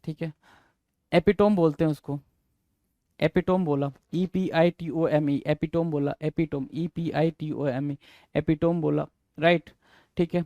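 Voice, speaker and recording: High pitched guy teaching vocab, keeps repeating words and quizzing, dry close sound. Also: steady tone, unhurried, long pauses, warm tone, no room sound. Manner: drills words, repeats and spells them out, asks students questions. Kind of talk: exam-prep lesson.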